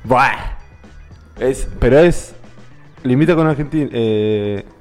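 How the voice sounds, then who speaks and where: A man's voice: medium pitch, slow pace, soft background music. A man, playing a guessing game on a live stream, thinking aloud and repeating himself.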